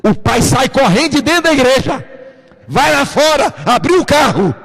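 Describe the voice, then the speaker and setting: Lively Brazilian pastor, church echo. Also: male voice, very high voice, normal speed, gravelly. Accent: Brazilian Portuguese. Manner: lively storyteller, acts out voices. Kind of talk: sermon with storytelling.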